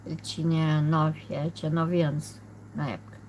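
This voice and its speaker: A middle-aged woman telling a personal story on her vlog in a soft, halting way, often repeating herself. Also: deep voice, flat delivery, a little hiss or hum. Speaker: channel host.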